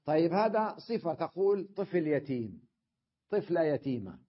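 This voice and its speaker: A man's voice: a little high, very animated, moderate pace. A man teaching an Arabic grammar class, explaining patiently and often checking that his students follow. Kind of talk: classroom lesson. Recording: dull lo-fi lecture recording.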